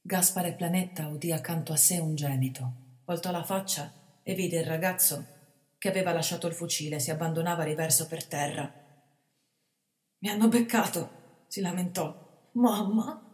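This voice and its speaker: Expressive woman reading a story. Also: sits low. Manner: measured, expressive narration. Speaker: actress and storyteller. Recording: reverberant hall.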